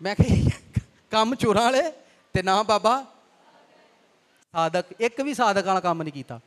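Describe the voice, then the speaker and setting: A pastor with a Punjabi accent preaching a lively sermon, dropping into folksy Punjabi asides. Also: male voice, high voice, a little slow. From Pakistan.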